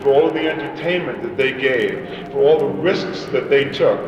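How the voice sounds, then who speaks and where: A man's voice: mid-range voice, normal speed, dull audio, noisy background. Man, emphatic rant, echoey room, mic far off. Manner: emphatic, ranting, repetitive. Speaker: band member interviewed. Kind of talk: animated interview talk.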